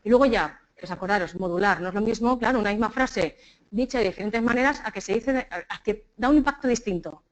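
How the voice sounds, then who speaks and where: A woman with a Spanish accent from Spain gives a live public speaking talk in a conference room with an audience. She leads them through exercises in a lively way, checking in with them often. Her voice is medium-pitched and fairly quick, and the audio is poor.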